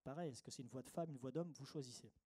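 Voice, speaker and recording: Middle-aged male speaker, warm and dark timbre, mid pitch, conference talk, didactic, hammers home key points. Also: fast talker, husky. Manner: didactic, repeats key phrases, frequent "euh" and "ok?". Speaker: meditation consultant giving a workshop talk. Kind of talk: conference talk to a live audience.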